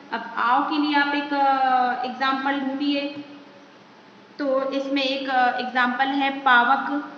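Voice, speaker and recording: A woman's voice: sits high, fairly bright tone. A woman teacher explaining a grammar lesson patiently, step by step, asking the viewer questions as she goes. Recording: echoey dull room recording with faint noise.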